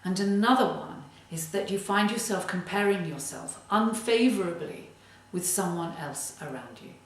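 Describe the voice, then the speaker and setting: A woman giving a motivational tip as a creativity coach, speaking in a deliberate, emphatic way. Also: on the low side. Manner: slow, deliberate, emphatic delivery. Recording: very echoey room, distant mic.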